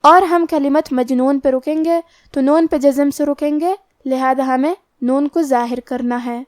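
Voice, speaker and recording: A woman teaching the rules of Quran recitation, explaining each letter carefully and then reciting slowly. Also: high voice, steady tone, a little mellow, no room sound, clean studio sound. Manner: careful, explanatory, slows right down to recite verses. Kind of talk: tajweed lesson with slow recitation.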